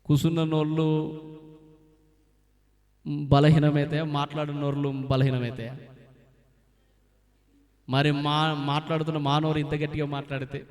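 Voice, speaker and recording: A man preaches in a fairly high voice. He calls on his congregation to answer him aloud. His volume swings from ringing shouts to low, hurried asides. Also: little pitch movement. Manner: call-and-response, urging the crowd to answer loudly. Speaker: pastor. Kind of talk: sermon.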